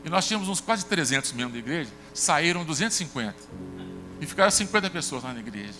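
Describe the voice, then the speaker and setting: A man's voice: sing-song, fast, bright, forceful tone. Brazilian man, pastor, sermon storytelling, acted dialogue, long church reverb, music behind. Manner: conversational storytelling, acts out dialogue with shifts in pitch. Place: church sanctuary.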